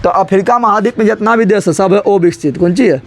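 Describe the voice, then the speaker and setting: A young man teaching a class, repeating each point and constantly firing quick questions back at his students. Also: high voice, faint music behind. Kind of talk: classroom lecture.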